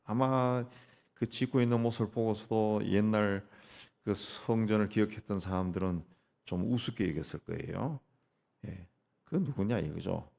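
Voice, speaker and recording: A middle-aged man delivers an early-morning sermon in a very low voice with a gravelly, fry-laden edge. He preaches emphatically, repeating key phrases and dropping in short affirmations between them. His lines climb in sudden bursts of emphasis, then settle back to a deep, steady tone. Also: normal speed. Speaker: pastor.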